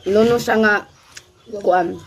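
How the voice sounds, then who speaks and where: A woman's voice: mid-range voice, steady tone, a little hiss or hum. A woman vlogger chatting casually to her viewers about the food she is eating in the countryside. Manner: slow, unhurried talk to viewers, mixing in English words. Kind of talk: casual food vlog chat. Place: outdoors in the countryside.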